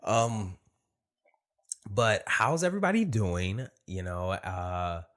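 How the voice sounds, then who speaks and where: Lisping, swollen-tongued man podcasting solo, lower voice. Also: very animated, normal speed, a bit bright. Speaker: podcast host. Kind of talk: casual solo podcast monologue with profanity.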